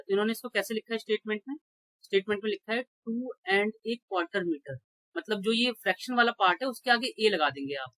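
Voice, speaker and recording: A man's voice: high-pitched, pushed and bright, dry recording, low-quality recording. Male teacher explaining grammar rules step by step. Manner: explains step by step, often checks in with students; asks rhetorical questions and answers them. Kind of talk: exam-prep grammar lecture.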